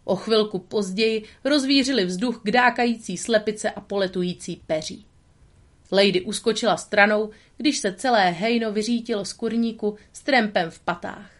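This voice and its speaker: Brief: woman narrator, calm and steady storybook reading. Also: medium pitch.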